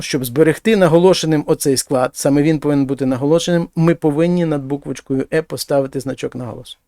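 A man teaching Spanish grammar, explaining patiently and saying the example phrases louder and higher. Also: dry recording, studio quality. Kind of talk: language lesson.

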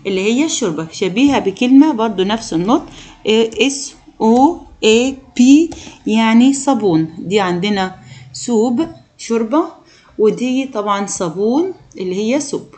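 A woman with an Egyptian Arabic accent teaching an English lesson to children, repeating each word slowly and asking the pupils questions. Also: mid-range voice, lively intonation, dark tone. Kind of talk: classroom lesson explaining vocabulary.

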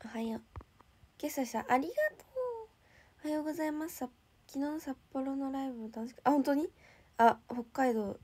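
Young woman idol, higher voice, casual and bubbly livestream chatter with frequent soft whispered asides. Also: fairly even intonation, fairly quick, pauses often. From Japan. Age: young adult. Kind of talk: casual livestream chat, reading viewer comments.

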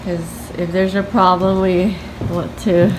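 A woman's voice: fairly low pitch, little pitch movement, a little slow. Off-mic woman asking curious questions. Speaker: co-host filming the project. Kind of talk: casual chat. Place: unfinished framed room indoors. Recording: loud noise, off-mic.

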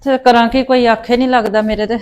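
A woman plays a fretful older mother-in-law with a Punjabi accent. Her voice is high and anxious, and she pleads and worries over her family in a village drama. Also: little pitch movement, quick pace, a little mellow, clear, resonant tone, dull audio, natural voice. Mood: worried. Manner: pleading, worried, calls others "putt".

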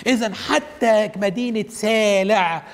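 Unhurried and high-voiced, an Egyptian Arabic-accented man teaches Scripture on TV from a large hall. He works through each point step by step, repeating it, and poses questions to himself before answering.

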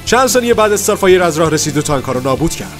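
A man narrating a comic book story, reading the characters' lines himself in shifting voices. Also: soft background music. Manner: lively storytelling, reads every character's lines with shifting pitch.

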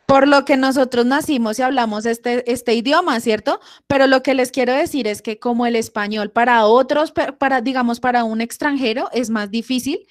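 A woman teaching English to young children on a video call, affectionate and slow in her pronunciation drills. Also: a little high, no room sound, clean studio sound. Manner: affectionate, calls pupils "amor". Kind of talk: online class for young children.

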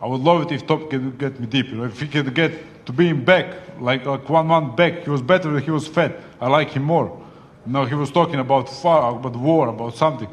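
A man's voice: mid-range voice, fairly quick. A man speaking as a boxer at a heated press conference, combative and swearing, often calling his rival "brother". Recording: echoey hall.

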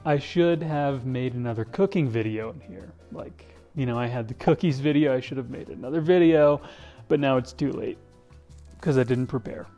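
A man's voice: mid-range voice, moderate pace, dark tone, faint music behind. A young man giving a jokey, casual tour of a kitchen, filmed on a handheld camera in a house. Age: young adult. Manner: playful, jokey, says "dude" often. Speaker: English teacher vlogger. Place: kitchen of a large house, indoors. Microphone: handheld camera, selfie framing.

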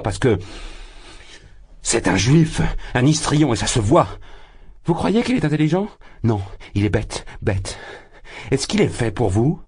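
A man reading an audiobook voices a drunk, exalted young man who rants loudly, his voice leaping high and then sinking. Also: breathy edge. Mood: flustered. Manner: loud, impassioned, rambling, swings high. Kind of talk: audiobook character voice.

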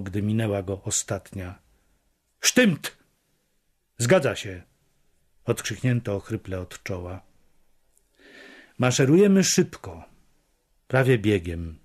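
A man reading literary prose as an audiobook, measured and deliberate. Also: lowish voice, darkish tone. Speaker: audiobook narrator.

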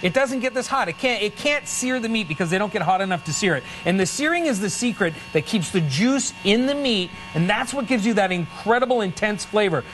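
High-pitched enthusiastic male home shopping pitchman. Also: expressive, brisk, hardly any pauses, a bit bright, a little hiss or hum. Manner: enthusiastic, emphatic, repeats selling points. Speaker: product demonstrator, guest pitchman. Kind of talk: home shopping live product demonstration. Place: TV studio kitchen set.

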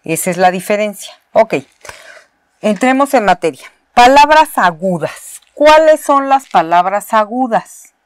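A woman's voice: medium pitch, expressive, measured pace, clean tone, no room sound. A Mexican woman teaching a university spelling lesson, explaining patiently step by step and repeating key words. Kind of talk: recorded spelling lesson at a board.

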